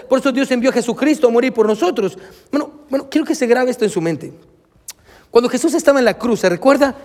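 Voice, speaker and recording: A man delivers an emphatic sermon, calling out to his congregation as he preaches. His voice sits very high for a man. A long church-hall reverb trails after his words. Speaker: pastor.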